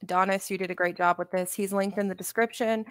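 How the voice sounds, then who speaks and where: A woman casually hosting a live commentary stream and chatting with her audience. Her voice is smooth and clear, recorded dry and close. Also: medium pitch, fairly even intonation, quick pace, no room sound. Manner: chatty, laid-back, talks to her chat. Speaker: commentary channel host.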